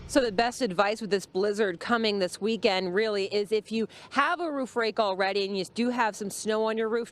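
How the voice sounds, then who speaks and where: A woman's voice: medium pitch, slight background noise. A woman delivering a scripted television news report as a field reporter.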